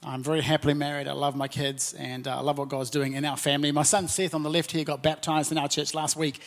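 Speaking from the stage of a church auditorium, a New Zealand pastor in his forties gives a warm, conversational sermon to his congregation. His voice, a little high for a man, shows little pitch movement. His phrases are full of relaxed "and, uh" pauses.

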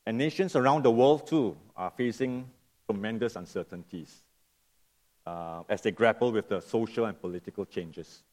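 A lowish, darkish voice belongs to a middle-aged man from Singapore giving a sermon as a guest preacher. Still nasal from a lingering cough, he talks in a warm, unhurried manner and frequently stops to rephrase.

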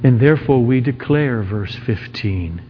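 A man preaching an expository sermon in an emphatic, dramatic manner, with rhetorical questions and swings between hushed and forceful delivery. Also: medium pitch, expressive, a little slow, slight background noise. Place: large reverberant room. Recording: dull, echoey large hall.

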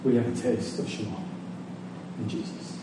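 A pastor with a lowish, steady voice earnestly and deliberately preaches to a congregation in a large, reverberant room, ending his sermon in prayer. Rhetorical questions and deliberate pauses mark his delivery, and the distant mic records echo and faint noise.

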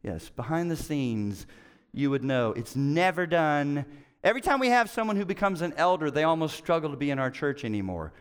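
A middle-aged man preaching a conversational sermon as pastor, telling stories animatedly and acting out quotes with sudden jumps in pitch. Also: very animated, brisk, clear, resonant tone. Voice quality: hard of hearing.

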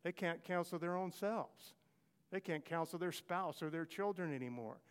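Male pastor, fairly high voice, earnest repetitive sermon, long church-hall reverb. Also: moderate pace, clean tone. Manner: earnest, repetitive, conversational preaching. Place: church sanctuary.

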